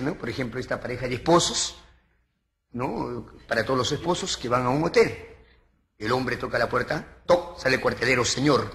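A man's voice: fairly bright tone, roomy sound. A man, telling bawdy jokes in a live comedy set and putting on voices for the characters. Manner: bawdy storyteller who puts on high voices for characters. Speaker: stand-up comedian.

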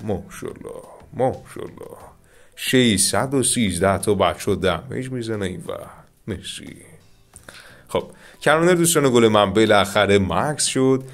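A man with an Iranian Persian accent giving chatty, excited commentary on a mobile game, often addressing his viewers as dear friends. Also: lowish voice. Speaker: gaming YouTuber. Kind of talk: casual gameplay commentary.

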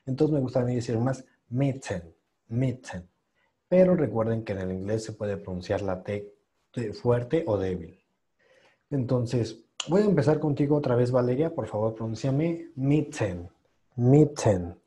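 A man's voice: medium pitch, expressive, normal speed, dark tone. A man teaching English pronunciation in an online class, patiently drilling sounds and encouraging students.

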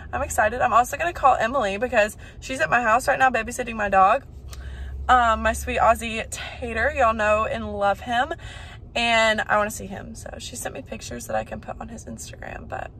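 A woman's voice: on the high side, a bit bright, a little hiss or hum. A twenty-year-old woman, chatting upbeat to a phone camera held at arm's length in a car and a bedroom. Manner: chatty, upbeat, filler-heavy. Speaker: vlogger. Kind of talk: casual vlog chat.

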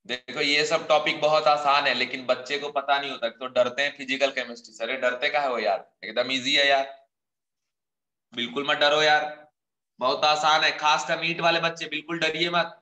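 A man teaching chemistry in an online exam-prep lecture, chatty and coaxing, a bit unwell and slower than usual. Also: a little high, level tone, pushed and bright, echoey room, rough recording. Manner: chatty, scolding yet encouraging, addresses students as kids. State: unwell, speaking slower and softer.

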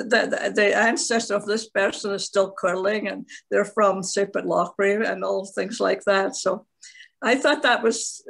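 Older woman, gravelly and halting. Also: medium pitch. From Scotland. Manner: rambling, halting, with frequent restarts and soft laughs. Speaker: interviewee, veteran curler. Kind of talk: casual video call interview. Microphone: tablet on a video call.

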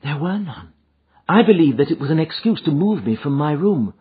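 A man voicing an anxious, eager young Victorian gentlewoman in an audiobook, with an earnest, polite manner. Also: fairly high pitch, sing-song, moderate pace, husky, pitched above the performer's own voice, full character voice. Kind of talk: audiobook character dialogue. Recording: muffled, thin phone-like audio.

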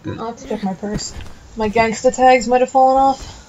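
A woman's voice: on the high side, steady tone, moderate pace, darkish tone, muffled recording, a little hiss or hum. A woman co-hosting a gameplay video, making wry, teasing side comments as she watches. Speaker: let's play co-host. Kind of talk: casual banter while watching a game.

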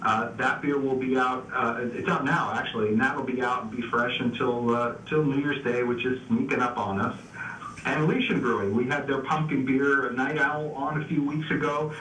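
A man's voice: medium pitch, steady tone, normal speed, fairly bright tone. Male radio contributor, easygoing and chatty with lots of restarts, sounding distant and echoey. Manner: easygoing, explains with frequent "uh" and restarts. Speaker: beer news contributor. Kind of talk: casual radio chat. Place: remote call into a radio show. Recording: echoey, distant, faint background noise.

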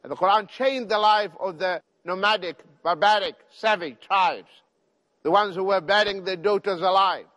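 A middle-aged man giving a televised religious lecture, exhorting his listeners in deliberate short phrases. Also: high voice, a bit bright. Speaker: Islamic preacher.

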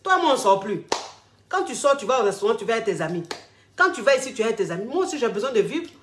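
Woman chatting advice to her viewers, kinda high voice, echoey room. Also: sing-song, racing, fairly bright tone, slight background noise. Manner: familiar, repetitive, addresses listeners as darling. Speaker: vlog host giving relationship advice. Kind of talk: casual advice talk. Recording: roomy echo.

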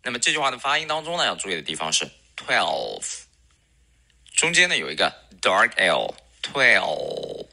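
A man teaching English pronunciation in a recorded lesson, a native Chinese speaker who models words slowly and repeats them. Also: fairly low pitch, big pitch swings, bright, forceful tone.

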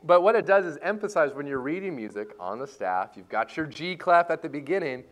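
A man leading a church music lesson for a class, joking and playful as he explains reading music and warming up voices. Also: fairly high pitch, lively intonation, brisk. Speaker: music teacher. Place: church hall.

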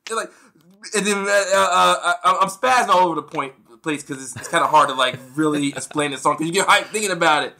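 Excitable man, bright and high. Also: fast, gravelly, hardly any pauses. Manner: excitable, rambling with many restarts and fillers. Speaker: podcast co-host. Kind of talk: casual chat.

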